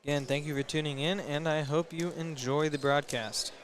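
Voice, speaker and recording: A teenage male announcer calls a high school basketball broadcast from the gym, his voice sitting a bit high for a man. He talks in a loose, unpolished way, often stopping to correct himself mid-phrase. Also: steady tone, moderate pace, slight background noise. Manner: casual, self-correcting, hesitant announcing. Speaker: student play-by-play announcer. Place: school gymnasium.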